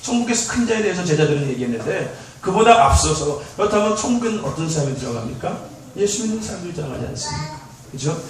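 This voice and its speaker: A male pastor preaching a sermon, animated and rising to shouts as he acts out prayers to his congregation. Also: high voice, fast talker, a little hiss or hum. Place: church sanctuary. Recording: echoey church hall, mic far off.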